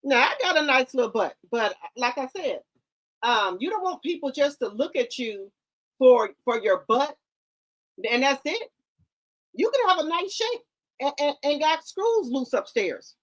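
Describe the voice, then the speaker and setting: A middle-aged woman hosts casual commentary, bluntly lecturing and sprinkling slang into her talk. Her high voice has a sing-song, unhurried quality, captured on a rough recording.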